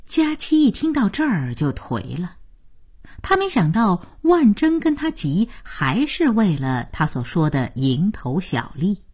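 A woman with a Beijing accent narrating a radio serial in an expressive storytelling manner. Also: mid-range voice, a little slow, slightly rough.

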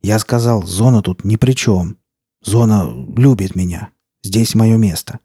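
A man voicing a gruff, grim older forest stalker who gives curt orders, in an audiobook. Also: fairly low pitch, unhurried, mellow, no room sound, clean studio sound. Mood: gruff, stern. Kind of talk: audiobook character voice.

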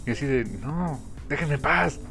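A man's voice: mid-range voice, expressive, moderate pace, vocal fry, fairly bright tone, soft background music. A man co-hosting a casual comic review chat, laughing often and chiming in with joking asides. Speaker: podcast co-host.

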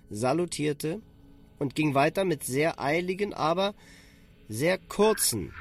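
A man giving scripted narration in a literary radio drama, in a measured storytelling manner. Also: a little high.

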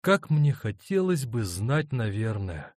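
In a clean, echo-free studio recording, a man narrates an audiobook, pitching his mid-range, slightly dark voice above his natural register. He plays an adult woman caught between two men, and his light, expressive acting gives her an earnest, pleading tone at a moderate pace.

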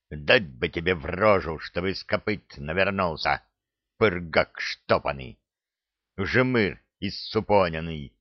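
A man voicing a gruff old orc elder. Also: very deep voice, dry recording, dull audio, voice pushed down, heavily acted. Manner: growling, scolding.

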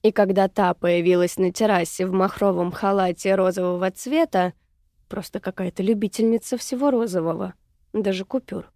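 A woman narrating a story in a measured, even reading voice. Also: medium pitch, gravelly, no room sound, clean studio sound. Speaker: audiobook narrator. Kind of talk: scripted narration.

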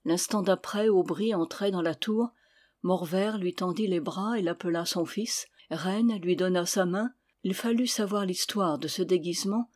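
Woman narrator, lowish voice, steady measured audiobook reading. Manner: even, measured reading with quoted dialogue. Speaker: audiobook reader. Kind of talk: scripted narration of a historical novel.

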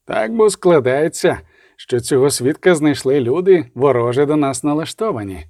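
Sinister cold male assassin, voiced by a man, sardonic, mellow tone, dry sound. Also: a little high, expressive, moderate pace, dry recording. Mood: menacing. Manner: menacing, sardonic.

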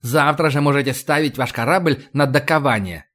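A man voicing a short, fat, jolly male company manager who talks loudly and effusively in an audiobook. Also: medium pitch, moderate pace, close to an everyday voice. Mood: jovial. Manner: loud, laughing, effusive.

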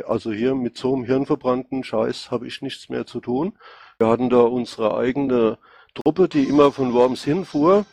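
A middle-aged political candidate from Rhine-Hesse, Germany, answers questions in an online voice chat, presenting himself informally and off the cuff. His accent blends Hessian and Palatine, his pitch is average with a darkish tone, and his speech is halting and colloquial. The sound is dry and close, with no room echo.

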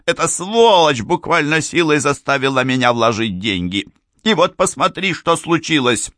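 A man voicing a distraught aging woman who sobs with anger in an audiobook reading, his voice pushed high and shrill. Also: lively intonation, moderate pace, fairly bright tone, no echo, clean studio sound. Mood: angry, sobbing. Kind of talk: audiobook character voice.

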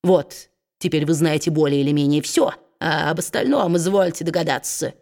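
A woman voicing a spiteful, boisterous male dwarf who talks slowly and sneers. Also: sits low, a little mellow. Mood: sneering.

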